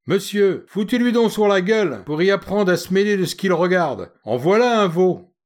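A man voicing a hoarse, brash, working-class Parisian young woman who shouts and scolds in a high, lively voice. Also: moderate pace. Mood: brash, scolding.

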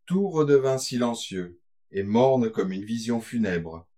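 A man narrating a gothic tale in a measured, somber, dramatic way. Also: medium pitch, expressive, warm tone. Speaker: audiobook narrator.

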